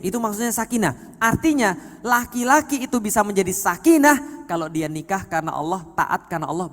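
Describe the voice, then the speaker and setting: A man preaching an Islamic lecture to a live audience, lively and emphatic, swinging from quiet to loud and often checking that listeners understand. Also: high voice. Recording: long hall reverb.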